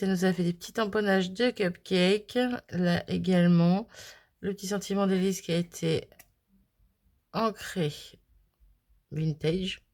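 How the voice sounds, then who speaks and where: A woman's voice: on the low side, vocal fry. A chatty woman from France who vlogs about crafting, casually showing swapped cards and laughing at her own slips. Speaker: crafting vlogger.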